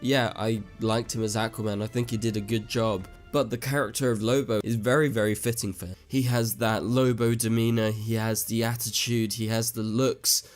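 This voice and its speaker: Faint music plays behind a man hosting his online show, casually talking through the news to camera with many asides. His voice, slightly off after an illness, is lowish with little pitch movement, at normal speed with few pauses.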